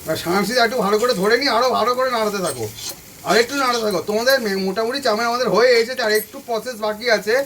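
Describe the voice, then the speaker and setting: A high-pitched, slightly bright male voice talks very fast from a distance off the mic, with a little hiss or hum in the recording. He hosts a home cooking channel, speaking to viewers from his kitchen stove as he takes them through a recipe step by step, repeating each instruction. Behind him, food sizzles in the pan and gets stirred.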